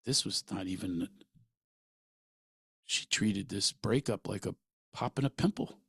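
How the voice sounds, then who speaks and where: Gravelly man telling rambling stories. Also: on the low side, unhurried, dry recording. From Pennsylvania. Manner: rambling, animated, asides and tangents. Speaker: podcast host, comedian. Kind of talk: storytelling monologue.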